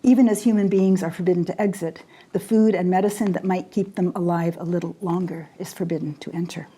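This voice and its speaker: A woman in her sixties who grew up in Jordan, a poet and scholar giving a formal lecture in a measured, deliberate way with weighty pauses. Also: lowish voice, fairly even intonation, warm tone, slightly rough. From raised in Jordan. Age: 60s.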